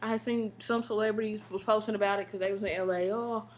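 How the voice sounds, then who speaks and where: An American woman telling stories in a casual, slangy vlog style, expressive and full of emphatic asides. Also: mid-range voice, fast, rough recording. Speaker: vlogger. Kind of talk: casual chatty storytelling vlog.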